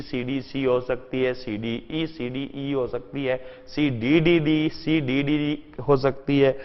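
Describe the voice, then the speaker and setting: A man's voice: medium pitch, smooth. A man teaching an exam-prep lesson, asking rhetorical questions and answering them himself, mixing in English terms. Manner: mixes in English terms and sentences. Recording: dull lo-fi sound in a long-reverb room.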